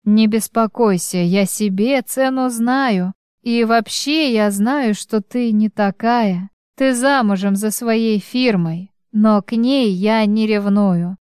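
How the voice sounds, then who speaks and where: A woman reading an audiobook, voicing a calm husband who teases his wife in a dry, unhurried way. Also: mid-range voice, smooth, dry recording, natural voice. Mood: mocking. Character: calm, mocking husband on the phone.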